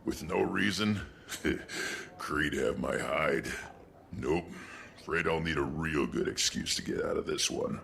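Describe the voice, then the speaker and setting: Gravelly, growling beast warrior. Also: male voice, very deep voice, measured pace, fairly bright tone, slight background noise, heavily acted. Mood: weary, wry. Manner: sardonic, dry. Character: gruff old male beast warrior, weary, wry.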